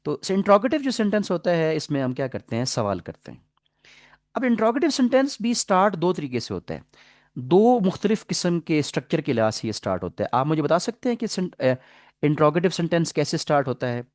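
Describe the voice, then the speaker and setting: A man teaching English grammar in a classroom lecture, explaining patiently, reading English example sentences slowly and asking the class questions. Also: fairly high pitch, big pitch swings, darkish tone, no room sound, clean studio sound. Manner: asks the class questions and repeats answers.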